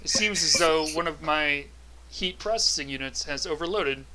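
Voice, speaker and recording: A man's voice: fairly high pitch, normal speed, pushed and bright, low-quality recording. A man voicing a formal, polite male automaton in a tabletop game. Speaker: game master.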